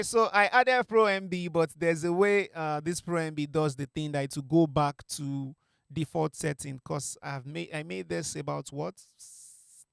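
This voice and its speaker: A young music producer teaches mixing in a casual tutorial, talking through a vocal mix from his small home studio with many fillers and restarts. His fairly high voice is gravelly yet smooth and fairly bright. He uses a studio mic on a stand, and there's no room sound.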